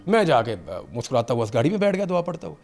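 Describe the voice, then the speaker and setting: A man's voice: a little high, sing-song, gravelly, a little mellow. Earnest man recounting an ordeal. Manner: earnest, vivid storytelling with shifting intensity. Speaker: interview guest. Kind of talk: personal account in conversation.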